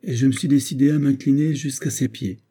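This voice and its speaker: A man's voice: mid-range voice, brisk, mellow, slightly rough, voice pushed up. A man voicing a proud young Romani horse thief who speaks in a solemn, declaiming way in a spoken audiobook.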